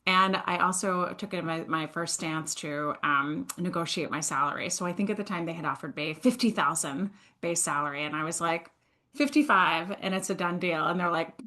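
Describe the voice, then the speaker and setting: A Swiss woman in her thirties, a sales entrepreneur, appears as a podcast guest and casually recounts her career with self-deprecating humor. Her voice sits lowish and moves at a normal pace, and she tells the story animatedly, laughing often.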